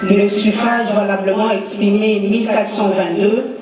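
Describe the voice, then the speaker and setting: A man, an election official formally reading out vote counts slowly with measured pauses. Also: sits high, flat delivery, very echoey, recorded from a distance, low-quality recording. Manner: slow, measured listing with pauses.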